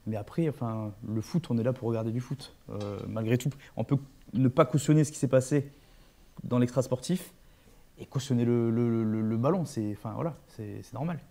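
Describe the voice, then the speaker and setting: A man's voice: mid-range voice, normal speed, vocal fry, warm tone. A man speaking as a studio guest, hesitant and restarting often as he argues his point. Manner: hesitant, many fillers and restarts. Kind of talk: talk show discussion.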